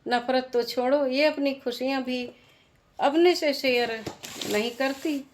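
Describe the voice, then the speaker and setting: Woman storyteller, high voice, slow and heartfelt, emotional family tale. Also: a little hiss or hum.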